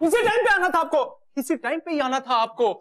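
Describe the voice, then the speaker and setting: A man's voice: very high voice, very animated, brisk, a bit bright, exaggerated voice. An actor playing a nervous young man who stammers and pleads to be believed. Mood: flustered. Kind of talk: TV comedy acting.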